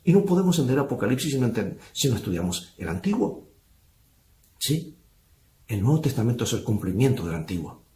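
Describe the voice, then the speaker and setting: A man's voice: mid-range voice, sing-song, brisk, long pauses, warm tone, echoey room, slight background noise. A male pastor preaching a sermon, asking rhetorical questions of the brethren.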